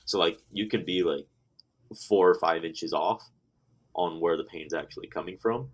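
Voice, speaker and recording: A young man chats easily on a conversation podcast, his speech full of fillers. His voice is very deep, and he keeps the talk relaxed. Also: normal speed, breathy edge. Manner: laid-back, lots of filler words. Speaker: podcast co-host. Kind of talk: casual chat.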